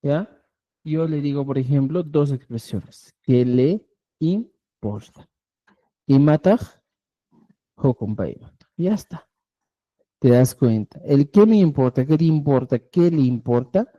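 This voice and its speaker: A language teacher giving a class, repeating example phrases slowly and checking understanding with frequent "¿ya?". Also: mid-range voice, expressive, highs cut off. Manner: spells out example phrases syllable by syllable. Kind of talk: online class lecture.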